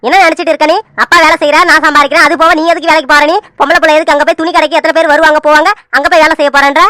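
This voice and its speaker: A woman's voice: sits high, fairly even intonation, very fast, sharp tone, no echo. A woman voicing a stern, protective eldest brother who scolds his sisters in a cartoon serial. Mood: scolding. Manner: scolding, bossy, repeats himself. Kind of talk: Tamil cartoon serial voice acting.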